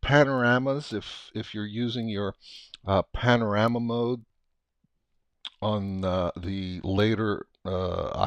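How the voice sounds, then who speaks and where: Halting American man, slightly low voice. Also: dry recording. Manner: halting, thinking aloud with digressions. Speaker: software tutorial presenter. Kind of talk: unscripted screencast tutorial, casual explaining.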